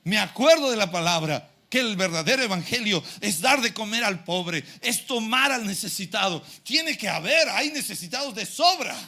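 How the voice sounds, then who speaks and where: Middle-aged pastor, bright forceful voice, lively preaching that acts out voices. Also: male voice, sits high, moderate pace, few pauses. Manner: animated preaching, acting out congregants' complaints. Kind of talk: sermon. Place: church.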